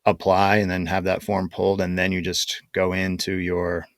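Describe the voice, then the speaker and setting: A man co-hosting a podcast, talking casually and explaining things with many fillers and pauses. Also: sits low, monotone, dry recording, clean studio sound. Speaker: podcast co-host. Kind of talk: casual chat.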